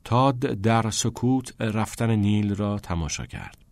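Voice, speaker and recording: A man narrating an audiobook chapter in a measured, even way. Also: on the low side, vocal fry, dry recording. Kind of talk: scripted narration.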